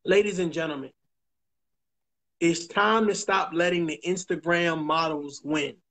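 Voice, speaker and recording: A man's voice: on the high side, fairly even intonation, a bit bright. Emphatic preachy man hosting a talk show. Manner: emphatic, preachy, swears, repeats points slowly. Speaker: podcast host.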